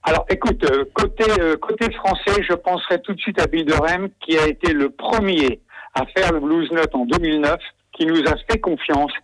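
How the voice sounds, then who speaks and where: A man organizing a music festival talks with eager enthusiasm, stumbling and restarting often. His voice sits a touch high and sounds dry and close to the mic. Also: moderate pace, no echo, low-quality recording. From Normandy, France. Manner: enthusiastic, warm about musicians, frequent hesitations. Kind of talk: radio interview.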